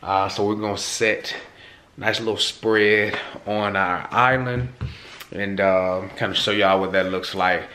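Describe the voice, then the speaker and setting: A man in his thirties hosts a casual cooking vlog at home, moving through his kitchen and living room and chatting to viewers in laid-back slang. His lowish voice is fairly even, unhurried, pushed and bright, recorded on a handheld camera at arm's length with a little hiss or hum.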